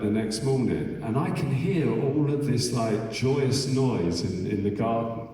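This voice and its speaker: A man's voice: medium pitch, mellow. A middle-aged man tells stories in a loose, rambling way, with restarts and frequent swearing. He sounds far off in a big, echoey festival hall with a long reverb. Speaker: bass player telling stories on stage. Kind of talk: casual onstage anecdote.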